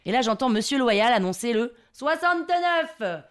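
A woman's voice: on the high side, sing-song, moderate pace. A woman in her thirties from Paris, narrating a self-mocking personal story for a podcast. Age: 30s.

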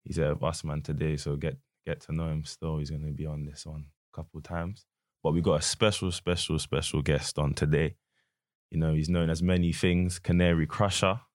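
A male podcast host with a deep voice and a London accent. He chats casually in a roadman manner, full of street slang. The sound is dry and close. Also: level tone, moderate pace, darkish tone, dry recording. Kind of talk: casual chat.

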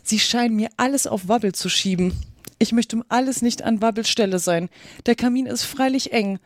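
A woman's voice: on the high side, moderate pace, no echo, clean studio sound, natural voice. A woman voicing a curious, plucky young girl who talks earnestly to herself in a storybook reading.

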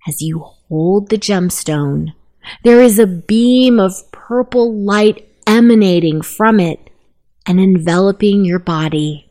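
A woman narrating a guided meditation, giving gentle, unhurried instructions. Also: mid-range voice.

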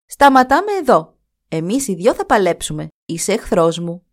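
A woman's voice: medium pitch, very animated, natural voice. A woman voicing a brave, stubborn young boy hunter, calling out urgently in a storybook reading. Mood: defiant.

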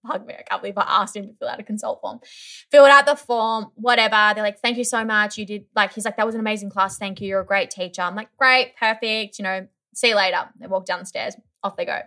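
Telling a story as a guest in casual conversation, a young woman speaks fast in a mid-range voice. Her delivery is animated, full of "like," and she voices the other characters herself.

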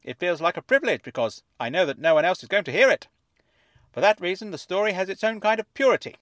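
A man voicing an excitable middle-aged newspaper writer with a fuzzy, wobbly, slightly distorted voice and a gushing way of talking. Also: sits high, fast, dry recording, pitched above the performer's own voice. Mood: earnest. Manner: effusive, gushing, rambles when excited.

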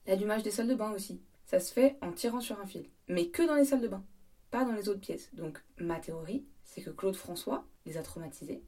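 A woman's voice: medium pitch, dark tone, breathy edge, distant mic. A woman from France hosting a solo travel podcast, talking in a chatty, wry way with joking asides. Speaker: podcast host.

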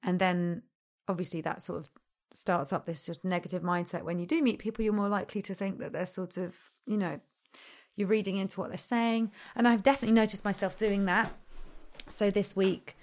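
A woman's voice: medium pitch, steady tone, brisk. A woman rambling casually in a solo monologue, hesitant and self-deprecating, often trailing off and circling back to her point. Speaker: content creator.

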